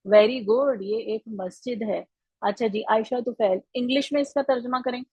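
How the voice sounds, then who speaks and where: A woman's voice: a little high, normal speed, warm tone, husky, no echo, dull audio. A woman teaching children in an online class, patient and encouraging, repeating each answer back to them.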